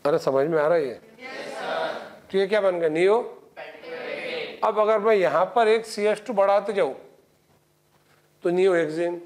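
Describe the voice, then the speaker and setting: A man's voice: high-pitched, measured pace, long pauses, a little mellow. A middle-aged man teaching chemistry in a coaching classroom, lecturing and quizzing students with constant checks. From India.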